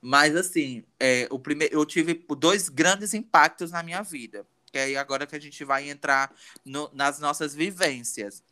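A man co-hosting a podcast in lively, playful casual chat, laughing often. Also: on the high side, a little slow. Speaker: podcast co-host.

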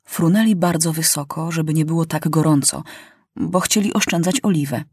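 A woman narrating a children's audiobook in measured storytelling. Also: sits low, a little mellow, breathy edge, no room sound, studio quality.

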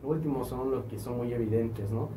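A man's voice: mid-range voice, brisk, mellow, slight background noise. A man with a Mexican accent, hosting a casual podcast chat, joking and steering the talk. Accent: Mexican Spanish. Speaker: podcast host. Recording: echoey room, mic at a distance.

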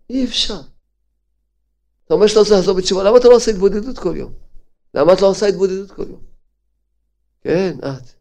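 A man preaching as a rabbi, firing rhetorical questions and swinging between loud outbursts and hushed lines. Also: on the high side. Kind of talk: sermon.

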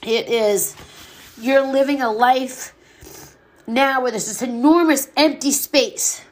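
A middle-aged woman with a slightly high voice speaks in a raw, personal monologue about loss. She is blunt and mouthy, swearing freely. Her talk is emotional, and at times she sounds short of breath. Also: slow pace. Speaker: podcast host.

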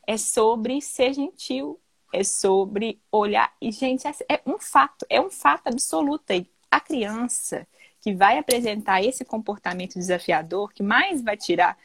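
Animated woman chatting on a podcast. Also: unhurried, gravelly, husky, no room sound. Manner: animated storytelling, often ends with "né?"; acts out children's voices with big pitch jumps. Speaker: podcast host. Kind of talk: casual podcast conversation.

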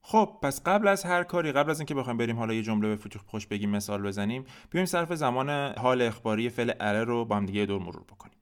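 A man teaching a podcast language lesson, explaining patiently and slowing down to spell out each example phrase. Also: medium pitch, clean tone. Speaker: French teacher. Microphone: podcast microphone.

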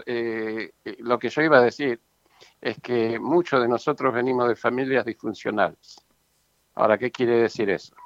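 A man's voice: fairly low pitch, no echo. A man who explains his points earnestly in a casual discussion, with many fillers and rhetorical tags. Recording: dull lo-fi sound.

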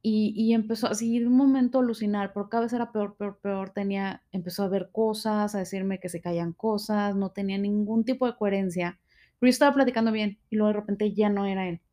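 A woman's voice: mid-range voice, steady tone, quick pace, mellow. Mexican woman telling a personal story. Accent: Mexican Spanish. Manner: emotional, frequent fillers and tag questions.

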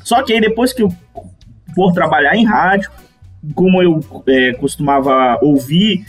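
Husky man from Manaus, chatty host. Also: on the high side, unhurried, soft background music. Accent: Manaus Brazilian Portuguese. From Manaus, Brazil. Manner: chatty, laughing, many restarts. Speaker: podcast host. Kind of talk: casual podcast chat.

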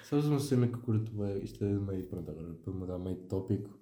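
Mellow, low young Portuguese man, echoey. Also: animated, fast talker. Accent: European Portuguese. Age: young adult. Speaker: podcast co-host. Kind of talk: casual chat among friends. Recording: roomy, echoing room sound.

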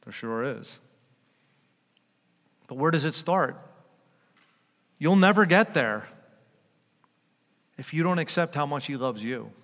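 An older man preaching a sermon as pastor, chatting and joking with his congregation, then rising to loud emphatic peaks. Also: fairly high pitch, animated, slow pace, pauses often, big-room sound. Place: church sanctuary.

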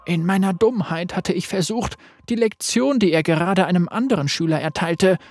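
A husky-voiced narrator playing a frightened young male pupil who pleads anxiously. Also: mid-range voice, normal speed, darkish tone, no echo, faint music behind, lightly acted. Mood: ashamed. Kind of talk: read-aloud storytelling.

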